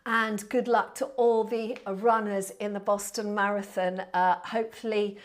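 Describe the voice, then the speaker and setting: A woman with a southern English accent chatting casually to viewers as a Pilates instructor, in a warm, friendly, chatty manner. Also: mid-range voice, little pitch movement, unhurried. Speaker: Pilates instructor and online class host. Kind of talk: casual livestream chat to viewers. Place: indoor studio.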